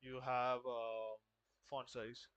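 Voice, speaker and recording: A man's voice: medium pitch, flat delivery, drawn-out words, fairly bright tone, smooth, no room sound. A man casually thinking aloud while following a coding tutorial, hesitant and muttering to himself with joking asides.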